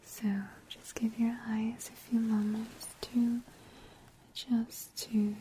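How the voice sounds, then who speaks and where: A woman speaks in a soft, unvoiced whisper, leading an ASMR check-up roleplay. Her delivery is slow and even, with little rise and fall, and her tone is mellow and dark. A faint hiss sits in the background. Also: fairly high pitch.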